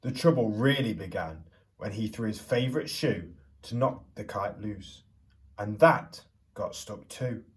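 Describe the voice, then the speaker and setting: A man reading a picture book aloud to young children as a teacher would, theatrically, pausing to put questions to them. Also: on the low side, animated, far from the mic. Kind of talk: expressive children's storybook reading with questions to listeners.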